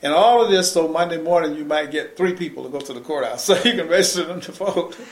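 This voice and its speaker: Older man, oral history interview, rapid delivery, emphatic, many restarts, echoey room. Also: a little high. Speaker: interviewee, former civil rights organizer. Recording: roomy echo.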